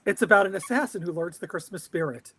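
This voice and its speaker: A man co-hosting a podcast, chatting casually with a hesitant, halting way of talking. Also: sits high, pushed and bright, a little hiss or hum. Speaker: podcast co-host. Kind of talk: casual chat.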